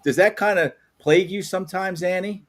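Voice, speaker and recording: A man's voice: high voice, brisk. A man in his fifties hosting a casual interview, telling stories and laughing often. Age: 50s. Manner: chatty storyteller, laughs often. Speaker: host.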